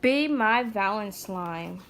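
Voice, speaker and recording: A mother and vlog host reads a picture book to a small child, slowly and expressively, in a medium-pitched voice. She sits on the floor indoors, reading casually with chatty asides, and background noise is present.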